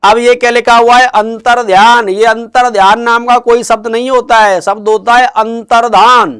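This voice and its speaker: A man teaching Hindi spelling, who drills each word by asking questions and answers them himself in slow, drawn-out tones. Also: very high-pitched, little pitch movement, fairly bright tone, clear, resonant tone. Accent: Rajasthani Hindi. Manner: drills words with repeated questions, stretches out answers slowly. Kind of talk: spelling lesson.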